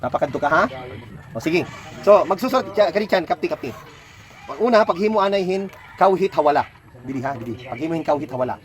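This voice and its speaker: A man's voice: on the high side, lively intonation, fast talker. A man tutoring a child at home, patiently coaxing answers with lots of questions. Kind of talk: home lesson, quizzing a child.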